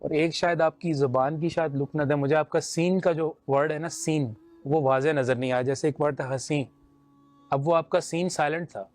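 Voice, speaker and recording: A man's voice: a little high, steady tone, moderate pace, darkish tone, soft background music. A man with a Pakistani Urdu accent, judging a naat competition and explaining his points with homely examples and mild humor. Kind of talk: judge's critique.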